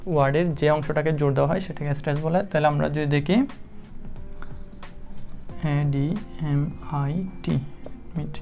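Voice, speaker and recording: A woman teaching English spelling rules, slow and methodical, spelling words out letter by letter with frequent hesitations. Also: low-pitched, steady tone, vocal fry, mellow, faint music behind. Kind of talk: spelling lesson explained in Bengali.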